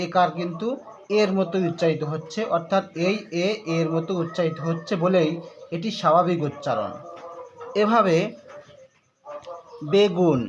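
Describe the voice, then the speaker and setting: A man with a Bangladeshi Bengali accent, teaching a grammar lesson to students slowly and repetitively, asking the class rhetorical questions. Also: sits high, dull audio, background noise.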